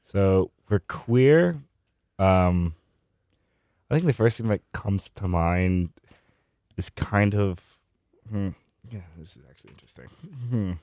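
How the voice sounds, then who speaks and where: A man's voice: sits low, slow, long pauses, darkish tone, dry recording, studio quality. A twenty-year-old man from Miami answering interview questions casually and hesitantly, with lots of fillers. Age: 20s.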